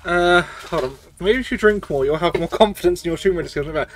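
A man's voice: sits high, brisk. A man streaming a video game, swearing and rambling as he gets tipsy from shots. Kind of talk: casual gameplay commentary.

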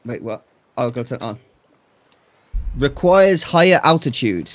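A guest co-op gamer chats casually during a game, teasing his friend and laughing often. His mid-range voice is animated, a bit bright, and a little slow.

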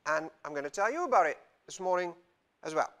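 Fairly high in pitch and very animated, this young man from Wales talks fairly quickly with a sharp tone. He's a guest preacher giving an informal, chatty, self-deprecating sermon indoors in a small church hall, moving his hands freely, captured on a lapel mic.

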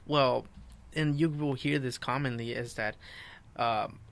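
A man of middle pitch hosts a casual podcast talk. He speaks earnestly and often affirms what his guest says. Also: steady tone, a little slow, gravelly. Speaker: podcast host. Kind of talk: casual discussion.

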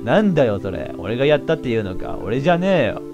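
A man reading the lines of a gruff, defensive teenage boy from a game, close to his own voice. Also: medium pitch, big pitch swings, quick pace, over music. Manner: reading game dialogue aloud.

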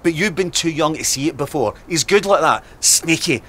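A man's voice: fairly high pitch, expressive, moderate pace, fairly bright tone. An actor playing an anxious, scheming middle-aged Scottish father in a comedy sketch, blustering and fretful. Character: anxious scheming Scottish dad, blames his son.

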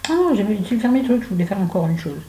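A woman's voice: medium pitch, very animated, fast talker, mellow, poor audio. A middle-aged woman vlogging while she does her make-up, chatting and telling a story with exasperated asides. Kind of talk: casual chit-chat while doing make-up.

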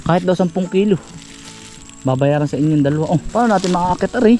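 A man's voice: high-pitched, fast talker, dark tone, faint music behind. A man vlogging outdoors in rural woodland, chatting casually and coaxing and cautioning someone as he goes. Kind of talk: casual outdoor vlog narration.

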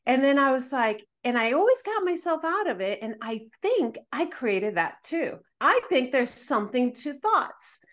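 A woman in her forties from the Dominican Republic, a guest telling her story on a video call from her living room, animated and reflective. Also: high voice, a little slow, hardly any pauses. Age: 40s. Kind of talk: conversational storytelling.

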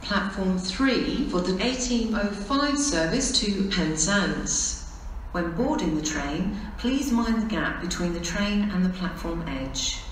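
A woman's voice: mid-range voice, lively intonation, takes it slowly. A British woman making formal, automated train platform announcements in clipped pre-recorded phrases. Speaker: station announcer. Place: railway station, over public address speakers. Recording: echoey, distant station PA with background noise. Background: station ambience.

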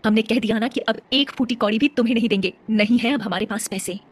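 Woman doing a secretive lady of the house, hushed, firm, quick. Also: a little high, close to an everyday voice.

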